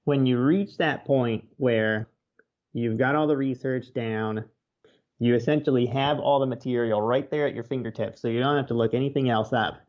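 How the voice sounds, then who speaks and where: A nature writer, guesting on a casual interview, answers in a plain-spoken, easygoing way. His voice is mid-range at a normal speed, and the lo-fi sound is slightly dull.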